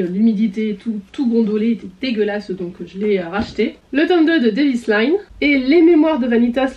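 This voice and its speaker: A woman's voice: fairly high pitch, darkish tone, highs cut off. Woman rambling about her book haul, lots of ums, voice going a bit. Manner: chatty, hesitant with many fillers. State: losing her voice, clearing throat. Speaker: book vlogger. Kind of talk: casual chat.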